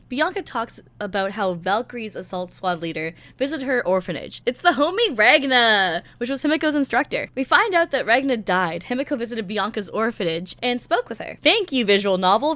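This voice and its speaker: The recording is dry, and the woman's voice is a little high with a fairly bright tone. As a content creator reviewing a visual novel, she offers a slangy, casual recap laced with theatrical emphasis and exasperated, sarcastic asides.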